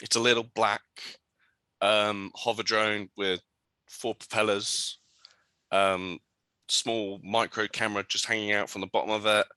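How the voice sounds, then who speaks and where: A man running a tabletop game, lower voice with a very bright, forward edge and a dry close sound. He is easygoing and keeps filling pauses with ums as he describes each scene. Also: clean tone, dry recording. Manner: relaxed, lots of ums, describing scenes and ruling on rolls. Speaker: game master.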